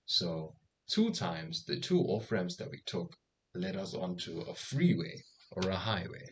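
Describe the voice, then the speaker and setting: A young man telling a casual anecdote, animated, acting out the voices of the people in it and swearing freely. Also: deep voice, unhurried, vocal fry, a little hiss or hum. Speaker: storyteller.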